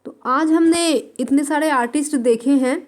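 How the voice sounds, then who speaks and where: A woman teaching art for exam prep, writing on a board and repeating terms slowly for students to note down. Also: high-pitched, a little mellow. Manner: writes on a board while dictating.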